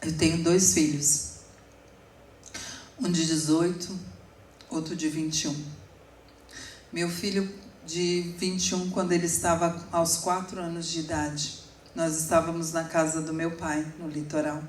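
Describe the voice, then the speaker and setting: Woman in her forties, low voice, sermon testimony, slow emotional telling, echoey room, distant mic. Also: little pitch movement, a little hiss or hum. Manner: slow, emotional storytelling with sudden emphatic rises. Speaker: preacher giving testimony.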